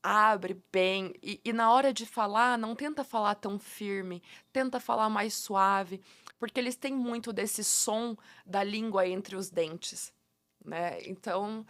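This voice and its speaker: A woman from Curitiba, Brazil, with a Curitiba accent, explaining pronunciation tips as a guest teacher in a playful, animated way and laughing often. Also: fairly high pitch, no room sound. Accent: Curitiba Brazilian Portuguese. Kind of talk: casual podcast interview.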